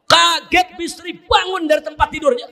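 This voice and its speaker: A man preaching a sermon, telling a story with fervor and rising to impassioned shouts in quoted prayers. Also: very high-pitched, steady tone, moderate pace.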